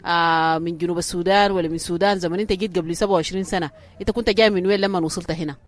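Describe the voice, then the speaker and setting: A woman's voice: fairly low pitch, fairly even intonation, racing. A woman with a Sudanese Arabic accent hosting a radio program, interviewing in a conversational, probing way in a refugee camp. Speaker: radio host. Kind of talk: field interview.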